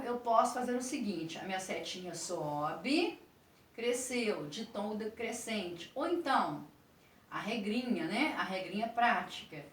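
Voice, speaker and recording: A woman teacher with a Brazilian Portuguese accent giving a video lesson to sixth graders, explaining slowly and asking the class questions as she goes. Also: medium pitch, fairly bright tone. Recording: roomy echo, voice from a distance, faint noise.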